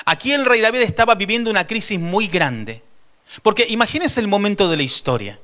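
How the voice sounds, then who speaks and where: High-pitched bright-voiced man preaching. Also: lively intonation, fairly quick. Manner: emphatic preaching with call-and-response questions to the congregation; swings between raised and hushed delivery. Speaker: pastor. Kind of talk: sermon.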